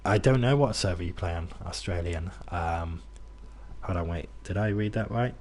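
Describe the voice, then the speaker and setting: His voice sits low with a darkish tone, moving at a moderate pace over a little hiss or hum. He's a young man from near Birmingham with a loosely mixed, non-Brummie British accent, chatting to viewers during gameplay in a rambling way full of fillers and restarts.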